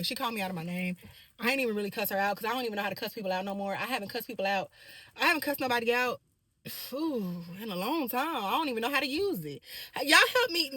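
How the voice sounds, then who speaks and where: A woman in her thirties tells a storytime straight to her viewers, animated and chatty. Her voice is bright and a little high. The sound is close and dry, with no room around it. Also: no echo. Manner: animated, direct address to the audience. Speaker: vlogger telling a personal story. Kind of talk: casual storytime monologue to viewers.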